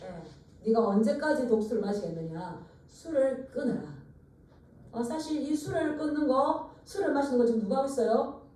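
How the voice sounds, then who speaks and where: A woman's voice: sits high, animated, moderate pace, dark tone. A woman pastor giving an earnest sermon, leading the congregation in repeated phrases. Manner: earnest preaching with call-and-response repetition. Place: church sanctuary. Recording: echoey church from far off.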